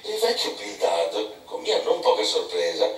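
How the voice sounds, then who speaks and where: A man reading a novel aloud with theatrical, expressive delivery. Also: low-pitched, measured pace, soft background music. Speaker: narrator. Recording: echoey room, mic far off.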